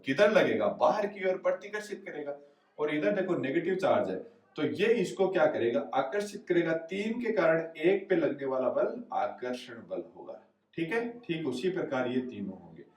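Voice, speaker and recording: A young man teaching physics in a lively, sing-song lecturing voice with a Hindi accent. He keeps putting questions to his class and then answering them himself. He stands away from the microphone in an echoey room. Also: mid-range voice, distant mic. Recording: roomy echo, voice away from the mic.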